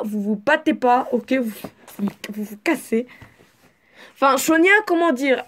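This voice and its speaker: Chatty young woman, slightly high. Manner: chatty, rambling, swears freely. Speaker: storyteller reading her own story. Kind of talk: casual story reading with asides.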